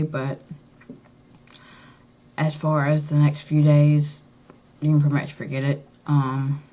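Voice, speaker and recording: A woman chatting casually in a rambling, halting, matter-of-fact way, talking with a slightly swollen tongue. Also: sits low. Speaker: vlogger. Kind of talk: casual chat to camera, piercing update. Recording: dull, lo-fi recording.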